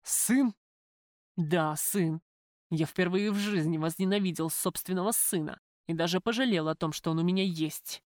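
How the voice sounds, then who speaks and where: A domineering middle-aged father barks orders and scolds his grown son, as a woman narrator reads him out. The delivery is gruff and commanding, close and dry with no room sound. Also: fairly low pitch, moderate pace, darkish tone, no room sound, close to an everyday voice. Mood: contemptuous.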